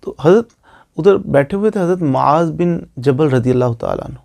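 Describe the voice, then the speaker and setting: Explaining the law online in an informal way, a Pakistani-accented lawyer keeps repeating phrases for emphasis. His slightly high voice has lively intonation, a moderate pace, vocal fry, and a darkish tone.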